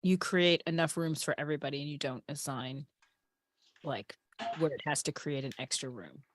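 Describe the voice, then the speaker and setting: A woman's voice: deep voice, moderate pace, a little hiss or hum. A woman in an online meeting, explaining an idea tentatively and searching for words. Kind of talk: casual chat.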